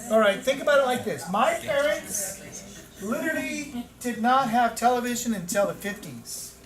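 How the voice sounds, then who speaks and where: A man in his fifties, a teacher trainer giving an animated lecture with stories, repeating words for emphasis. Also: very high voice, normal speed, a crowd in the background. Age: 50s. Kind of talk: classroom lecture. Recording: echoey room from far off, noisy.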